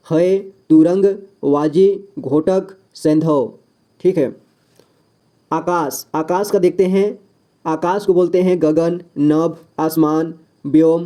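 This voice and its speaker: A man's voice: on the high side, dark tone. A man teaching a Hindi vocabulary lesson, listing words one by one and checking in with "ठीक है" after each point.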